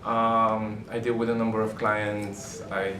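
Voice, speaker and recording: A man working as an analyst, describing his job slowly and unhurried. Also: on the low side, little pitch movement. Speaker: brand protection analyst. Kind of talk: casual interview answers. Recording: echoey room, distant mic, noisy.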